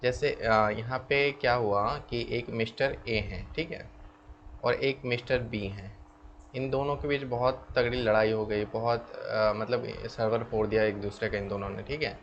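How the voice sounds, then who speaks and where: A man's voice: mid-range voice, steady tone, unhurried. A man teaching law, explaining step by step and often checking in with "okay". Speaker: law lecturer. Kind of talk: explanatory lecture. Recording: slightly dull lo-fi sound with faint background noise.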